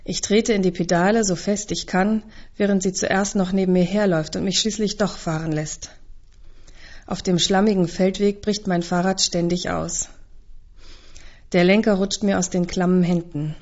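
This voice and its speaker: A woman narrating a novel in the first person, in a measured, subdued and introspective way. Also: on the low side, steady tone, a little mellow, highs cut off. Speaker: audiobook narrator.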